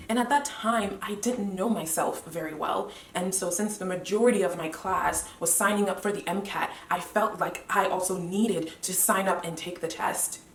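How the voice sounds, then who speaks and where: A woman in her twenties from Cameroon, a medical student giving a measured, earnest motivational speech with deliberate pauses. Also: medium pitch, recorded from a distance, a little hiss or hum. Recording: roomy echo, voice away from the mic.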